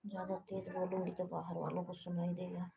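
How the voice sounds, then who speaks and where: A woman casually chatting with viewers on a live stream, speaking softly and hushed from a balcony at home. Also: on the low side, completely flat delivery, brisk, gravelly, slightly rough, rough recording. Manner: speaks softly and hushed to avoid waking others.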